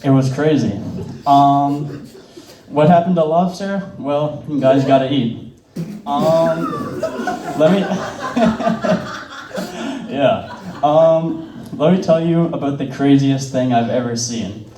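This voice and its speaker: This young comic has a fairly high voice and talks slowly, leaving long pauses, with noise in the background. His stand-up storytelling wanders and is full of fillers, and he chuckles at his own punchlines, all captured on a distant mic in a roomy space.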